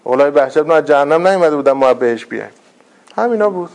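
A man's voice: fairly high pitch, expressive, a little mellow. A man giving a colloquial religious talk to listeners, speaking conversationally and acting out the voices of people he quotes. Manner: conversational, acts out quoted voices with rising intensity.

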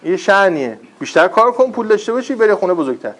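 A man preaching in a lively storytelling way, with rhetorical questions and wry humor. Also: high voice. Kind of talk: religious talk with retold stories.

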